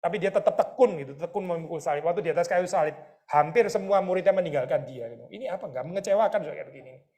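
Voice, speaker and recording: A man preaching a lively, conversational sermon as pastor, often asking his listeners rhetorical questions. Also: fairly high pitch, rapid-fire. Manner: mixes English words into his talk.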